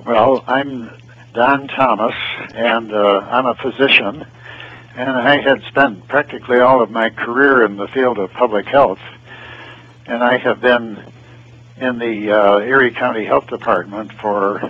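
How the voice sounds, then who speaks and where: An older man, a retired physician, calling in to a radio show over the phone, measured and sincere. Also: mid-range voice, steady tone, husky. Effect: heard over the phone line. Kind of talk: casual call-in chat. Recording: muffled phone line.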